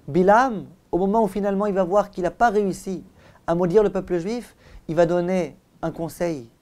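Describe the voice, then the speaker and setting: In this Torah lecture, the rabbi's voice sits high as he teaches emphatically. He asks rhetorical questions, repeats himself to drive points home, and lets the ends of phrases fall softly.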